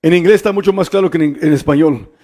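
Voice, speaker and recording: A man preaching a bilingual sermon as pastor, repeating phrases and rising to emphatic shouts. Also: fairly high pitch, fast.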